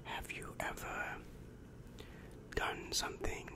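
Very close to a large microphone, a young adult man quietly questions the listener in his ASMR roleplay as a demon counselor. His whisper is breathy, slow, and measured, recorded in a small, dim room indoors.

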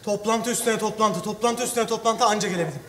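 A man's voice: high voice, fast talker, fairly bright tone. A man performing a stage comedy sketch, rambling through exaggerated excuses. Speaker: comedy sketch actor playing a boyfriend. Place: television studio stage with live audience. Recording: echoey stage with audience noise.

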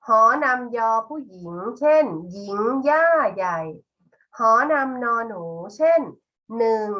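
A middle-aged woman teacher giving a patient, slow classroom lesson, spelling out one example word after another. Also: fairly high pitch, fairly bright tone.

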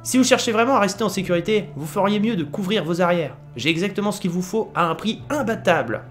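A man's voice: high voice, expressive, quick pace, faint music behind. A man reading a pushy young street boy. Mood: salesy.

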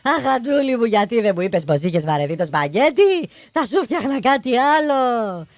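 A man doing a tearful high widow. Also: very animated, no room sound. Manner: tearful, drawn-out lament. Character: crying Italian widow, woman.

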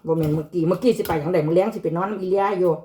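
A woman's voice: lowish voice, very fast, warm tone, slight background noise. Chatty Isan-accented mother cooking. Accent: Isan (Northeastern Thai). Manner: chatty, mixes Isan and Thai. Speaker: vlogger mother. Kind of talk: casual chat while cooking. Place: home kitchen.

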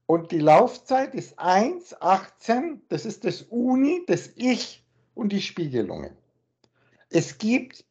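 A man on a video call, explaining spiritual texts in a rambling, circling way, repeating words and slowing down to stress single ones. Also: high voice, darkish tone, husky. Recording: muffled call audio.

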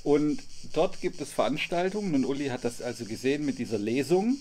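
A man's voice: medium pitch, lively intonation, brisk, darkish tone, slight background noise. A man in his thirties with a German accent, a travel vlogger chatting outdoors at a garden table about a trip, often restarting his sentences. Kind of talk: casual travel recap.

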